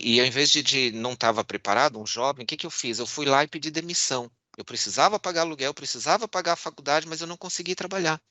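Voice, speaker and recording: A man, moderating a panel and telling his own story in an expressive, earnest way, often restarting his sentences. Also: medium pitch, dry recording. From Brazil, São Paulo. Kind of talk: personal storytelling in a panel talk.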